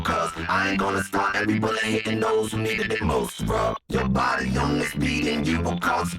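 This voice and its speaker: Man rapping through robotic metallic filter. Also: sharp tone. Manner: rhythmic rapping, pitch snapped to synth notes. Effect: robotic metallic vocoder filter. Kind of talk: rap vocal.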